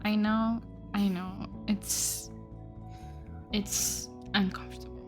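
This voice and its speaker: Brief: woman playing a weary withdrawn young woman, breathy and hesitant, slow. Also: medium pitch, level tone, darkish tone, soft background music. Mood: weary hushed.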